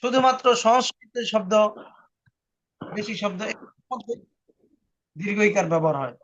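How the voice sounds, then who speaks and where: A man's voice: sits high, lively intonation, moderate pace, a bit bright. A man teaching a spoken language lesson, patiently explaining rules and repeating them for his student. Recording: muffled lo-fi online recording.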